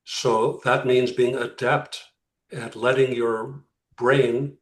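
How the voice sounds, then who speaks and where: A man speaking as a rabbi teaching a class, pausing deliberately and posing rhetorical questions. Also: medium pitch, level tone. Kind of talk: interactive religious lecture. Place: room with a class. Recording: echoey room, distant microphone.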